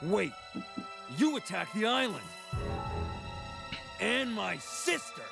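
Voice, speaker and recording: An actor playing an earnest young action hero in a video game, with dramatic, accusing delivery. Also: male voice, high-pitched, very animated, slow pace, vocal fry, heavily acted. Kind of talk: theatrical video game voice acting. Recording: game music behind the dialogue.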